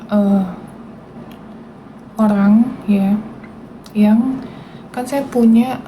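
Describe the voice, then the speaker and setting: A woman's voice: mid-range voice, dark tone, slight background noise, rough recording. A woman, hosting a casual livestream and talking indignantly and directly to her viewers. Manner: indignant, talks straight to viewers. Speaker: livestream host.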